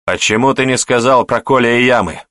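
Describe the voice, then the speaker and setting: A man's voice: medium pitch, brisk, a bit bright, dry recording, studio quality, voice pushed up, natural voice. A male audiobook narrator voicing a grim, menacing male raider commander who hisses terse questions. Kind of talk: audiobook character voice.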